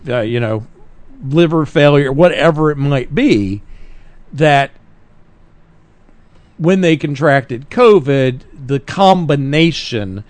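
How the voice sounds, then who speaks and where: A man's voice: fairly high pitch, animated, slow, pauses often, a little mellow, no echo. A man co-hosting a political talk podcast, speaking earnestly and emphatically, often correcting himself mid-sentence. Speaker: podcast co-host. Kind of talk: political talk radio chat.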